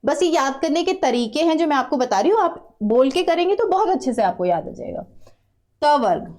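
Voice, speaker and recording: A woman's voice: high-pitched, big pitch swings, a little fast, a little mellow. A woman teaching a grammar lesson patiently, repeating sounds and asking students to try them aloud. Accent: Uttarakhand Hindi. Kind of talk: classroom lesson.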